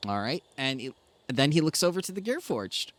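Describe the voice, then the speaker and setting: A man narrating as game master in a tabletop game, animated and full of hesitant fillers. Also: mid-range voice, moderate pace.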